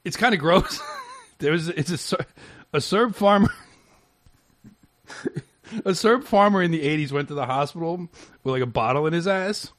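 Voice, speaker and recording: A man hosting a casual interview who talks in a rambling, halting way with frequent restarts and bursts of laughter. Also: on the high side, a bit bright, dry recording. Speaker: podcast host.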